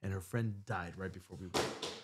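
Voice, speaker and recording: A low, steady-toned voice at a moderate pace belongs to this middle-aged US podcast host, who tells a long story casually with free swearing and Spanish words. He uses a boom-arm studio mic, and background noise is audible.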